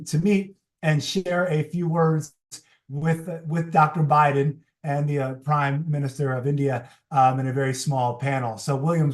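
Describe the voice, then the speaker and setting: A man's voice: a little high, a little mellow. A man introducing speakers at a public meeting, often repeating words as he goes. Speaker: college official introducing speakers. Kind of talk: meeting moderation. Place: meeting room.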